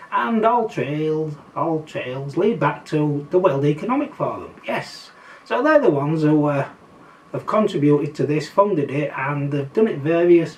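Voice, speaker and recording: An older man with a Yorkshire accent talking casually to his viewers in a wry, skeptical way. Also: on the high side. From Yorkshire, England. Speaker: political commentary vlogger. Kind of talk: casual monologue to camera. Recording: slightly distant mic, faint background noise.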